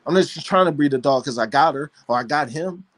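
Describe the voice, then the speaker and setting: A man's voice: fairly high pitch, fast talker, fairly bright tone. A man hosting a live panel show as a dog breeder, talking in a fervent, preachy way, with rhetorical questions and repeated phrases. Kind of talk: casual passionate monologue.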